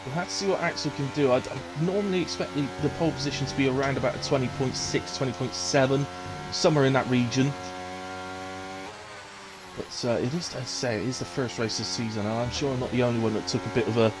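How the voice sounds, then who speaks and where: A man's voice: mid-range voice, fairly even intonation, fast, noisy background. A man giving live, conversational play-by-play commentary on online race qualifying, thinking aloud as he follows the cars. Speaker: sim racing commentator.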